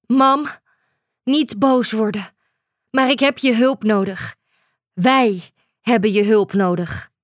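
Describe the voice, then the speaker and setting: Woman doing a high-voiced young island girl, earnest and pleading, storybook style, dry sound. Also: takes it slowly, pauses often, no room sound. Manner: urgent, pleading. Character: brave young island girl, determined and caring.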